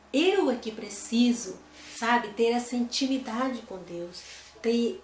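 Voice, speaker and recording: A woman's voice: a little high, a little mellow, echoey room, slight background noise. Woman teaching a Bible study. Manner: conversational, poses rhetorical questions to listeners.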